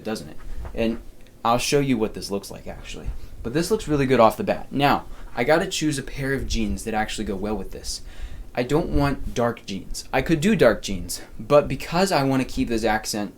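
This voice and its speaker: A male podcast host giving casual, chatty style advice, talking straight to the viewer with upbeat, self-deprecating asides. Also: medium pitch.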